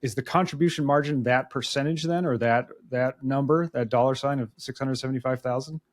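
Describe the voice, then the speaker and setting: A man's voice: mid-range voice, fairly quick. A man hosting a casual business interview, plain-spoken, recapping and checking his understanding. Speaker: interview host.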